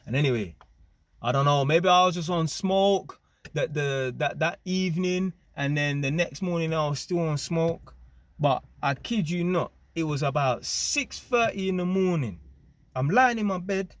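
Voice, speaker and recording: A man casually telling a story to camera, animated and full of street slang and tag questions. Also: a little high, normal speed, dry recording. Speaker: vlogger.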